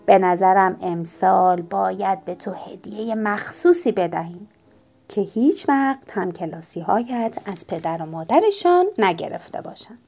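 A woman doing a gentle coaxing father. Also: medium pitch, sing-song. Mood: mysterious. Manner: soft, coaxing and kindly. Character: gentle, patient father of a young boy.

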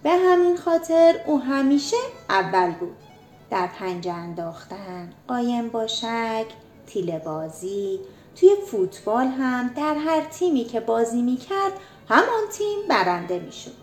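A woman reading a children's storybook aloud, gentle and expressive. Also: fairly high pitch, reverberant, faint music behind. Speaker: narrator.

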